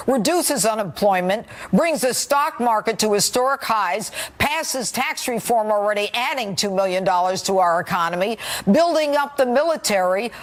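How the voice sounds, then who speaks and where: A middle-aged woman hosting a TV news show, delivering an emphatic, combative opinion monologue and questioning a guest. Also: a little high. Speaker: TV host.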